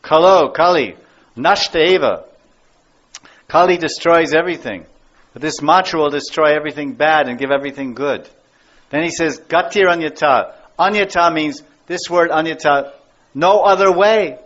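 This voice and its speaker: In a dull, lo-fi recording, a man from the United States gives a devotional lecture as a spiritual teacher. His voice is a little high with a fairly bright tone, and he speaks at a normal pace, driving points home by emphatically repeating key words.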